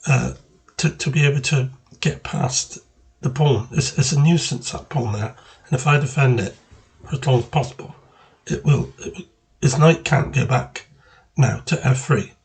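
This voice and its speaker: A man giving casual move-by-move commentary on his own chess game, thinking aloud and pausing mid-phrase. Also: medium pitch, creaky, poor audio.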